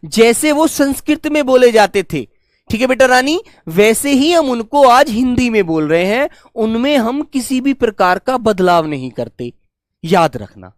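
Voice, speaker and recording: Male hindi teacher, live class, fond and repetitive, slows to dictate, dry sound. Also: very high-pitched, no room sound. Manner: affectionate, repetitive, calls students "beta".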